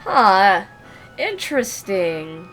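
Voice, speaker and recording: A woman's voice: medium pitch, big pitch swings, extremely slow, fairly bright tone, faint music behind. A young woman chatting casually through a live game stream, laughing often and reading dialogue aloud.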